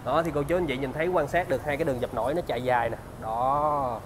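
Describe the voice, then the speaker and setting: A man in his thirties with a southern Vietnamese accent, giving a used car salesman's walkaround pitch in polite, repetitive sales patter. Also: fast, noisy background. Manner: salesman's patter, polite address and repeated selling points. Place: large open car service bay.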